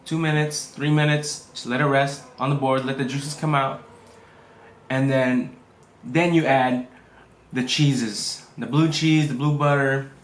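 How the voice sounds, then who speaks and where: A man who is a chef, casually explaining cooking steps in a halting, step-by-step way. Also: mid-range voice, steady tone. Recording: echoey room.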